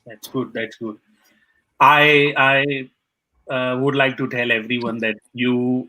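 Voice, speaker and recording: A man hosting a live online panel over a video call, halting, with many restarts and repeated short praise. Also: on the low side, sharp tone, rough recording.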